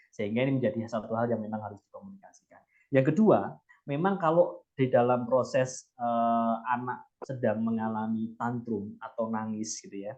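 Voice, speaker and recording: A man's voice: medium pitch, a little mellow. A man talks parents through his points in an online webinar. He asks himself rhetorical questions and often breaks off to restart a phrase. His voice sits mid-range and comes over a dull, lo-fi video call line. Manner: addresses listeners directly, frequent restarts and rhetorical questions. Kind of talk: explanatory talk to parents.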